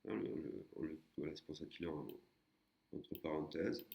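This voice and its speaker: A man's voice: extremely low pitch, little pitch movement, normal speed, gravelly, darkish tone, lo-fi sound. A man teaching a language lesson, explaining patiently step by step with frequent hesitations. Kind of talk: screen-recorded lesson.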